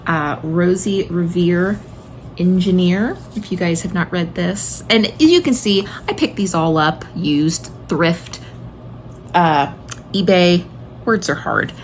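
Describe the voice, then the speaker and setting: In a rough recording with a little hiss or hum, a homeschooling mother in her late thirties chats casually to viewers about books she recommends. Her voice is on the low side and she takes it slowly. Her delivery is enthusiastic, emphatic and informal.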